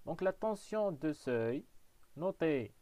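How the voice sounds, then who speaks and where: A physics teacher, giving a classroom lesson and explaining step by step, often saying "donc" and "voilà". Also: male voice, a little high, very animated, takes it slowly, warm tone, no room sound. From Morocco.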